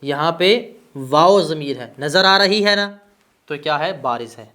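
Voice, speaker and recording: A man teaching a grammar class in a slightly high voice. He asks a question, then answers it himself. He gives the key terms a lift in pitch. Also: expressive, sharp tone. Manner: stresses terms with rising pitch.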